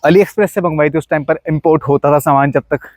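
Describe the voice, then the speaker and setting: A man's voice: a little high, steady tone, brisk, a little mellow, no room sound. A young man with an Indian accent giving a casual, chatty walkaround of his modified car, pointing things out as he goes. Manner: chatty, mixes Hindi and English, points things out.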